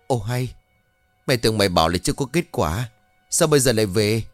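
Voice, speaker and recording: A man's voice: fairly low pitch, animated, fairly quick, no echo, soft background music, natural voice. A man voicing an older mother who frets and questions her son in a story. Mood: fretful. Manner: fretful, questioning. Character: older woman, worried anxious mother.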